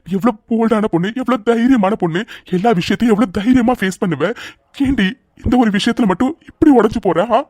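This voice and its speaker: A man voicing a protective young man who is deeply in love and speaks in an insistent, pleading way in a cartoon dub. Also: quick pace, darkish tone, no room sound.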